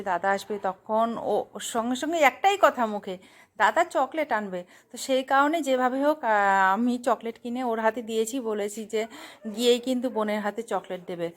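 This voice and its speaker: A woman with a slightly high voice talks through her day for a family vlog. She chats in a loose, rambling way, stopping to fix her own slips, with the ease of someone filming at home. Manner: chatty, rambling, self-correcting. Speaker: vlogger, mother. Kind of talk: casual vlog narration.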